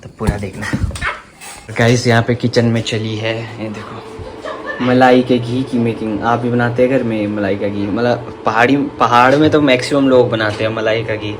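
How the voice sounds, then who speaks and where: A man's voice: medium pitch, fairly even intonation, moderate pace, noisy background. A young man chatting casually to his viewers in a home vlog, teasing and talking straight to them. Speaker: family vlogger. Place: family home. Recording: loud crickets chirping behind.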